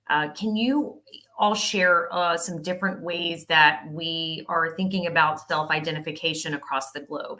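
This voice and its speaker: A woman's voice: deep voice, bright, forceful tone. A woman moderating a panel discussion, upbeat and encouraging as she hands over to speakers.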